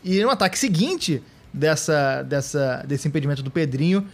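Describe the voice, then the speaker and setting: Brazilian man, podcast host, football recap, sarcastic jokes, fairly high voice. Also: expressive, moderate pace. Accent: Brazilian Portuguese. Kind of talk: casual match recap chat.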